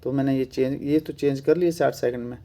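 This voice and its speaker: A man's voice: medium pitch, steady tone, quick pace, dark tone. A man with a Himachali Hindi accent teaching an exam-prep maths lesson, patiently repeating steps and working sums aloud.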